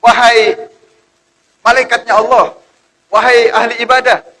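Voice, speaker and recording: A man playing a slick snake, formal and inquisitive, high loud voice. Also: level tone, unhurried, exaggerated voice, poor audio. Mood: inquiring. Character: slippery snake questioning a stranger.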